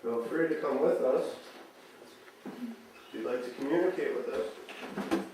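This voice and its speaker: A man on a paranormal investigation, calmly and slowly calling out to any spirits in a house, recorded by a camera mic at a distance. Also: medium pitch. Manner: calm, slow, coaxing addresses to spirits. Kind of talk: ghost-hunting call-outs. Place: inside a house at night. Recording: echoey room, far-off mic, hiss.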